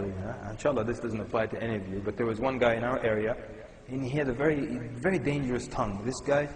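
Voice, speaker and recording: A man from Sudan giving a conversational, humorous Islamic lecture to a live audience. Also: mid-range voice. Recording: echoey hall with long reverb.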